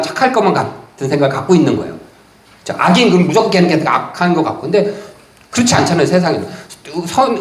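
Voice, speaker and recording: A man preaching to his congregation in a roomy, echoing church hall. His pitch swings widely as he talks. He reads scripture slowly, then retells it in plain, chatty speech. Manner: lively conversational preaching, reads verses slowly then paraphrases in casual speech. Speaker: pastor. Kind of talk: sermon. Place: church sanctuary.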